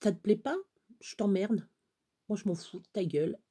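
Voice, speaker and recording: Her mid-range voice is warm with a breathy edge and moves at normal speed. This crafting vlogger from France, in her forties, talks casually to the camera with blunt earthiness, shifting between laughing and crying.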